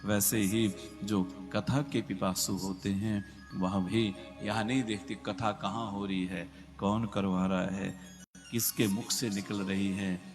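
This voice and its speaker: At a large devotional gathering, a man with a lowish, level voice preaches a Bhagavat katha sermon through a loudspeaker system with heavy echo. He quotes scripture and asks the audience rhetorical questions, slow and emphatic, while long echoing reverb and music fill the recording.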